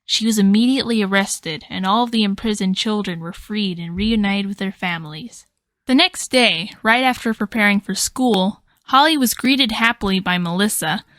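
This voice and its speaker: A woman narrating a storybook tale in an expressive, dramatic way. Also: mid-range voice, moderate pace, dry recording.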